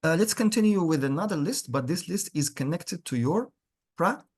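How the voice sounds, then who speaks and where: Male English teacher, very varied intonation, slightly husky tone, deliberate and repetitive delivery in a pronunciation class. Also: a little high, animated, a little mellow. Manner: deliberate, repeats words for learners, encouraging. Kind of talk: interactive pronunciation lesson.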